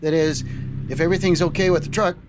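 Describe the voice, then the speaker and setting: A man's voice: fairly high pitch, fairly even intonation, fast talker, natural voice. A man playing a cheery trucker captain, a sci-fi hero, in a hearty retro radio-show style. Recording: clear vehicle noise behind voice.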